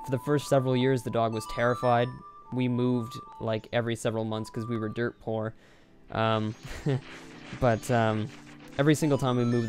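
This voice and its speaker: A young man giving rambling, offhand, casual commentary over his own gameplay. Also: medium pitch. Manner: rambling, offhand, self-deprecating. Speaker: Let's Play commentator.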